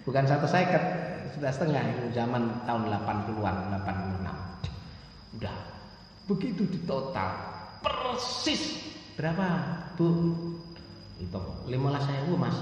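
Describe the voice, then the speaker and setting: Animated middle-aged man preaching in echoing hall. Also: mid-range voice, a little hiss or hum. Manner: animated, acts out dialogue in changing voices. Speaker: Islamic teacher. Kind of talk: storytelling Quran lecture. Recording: echoey hall, distant dull lo-fi sound.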